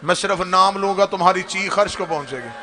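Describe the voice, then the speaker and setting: A man from Pakistan, a religious orator, delivering a mourning sermon at a live gathering in a tearful, lamenting voice that swells to loud cries. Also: high voice, quick pace.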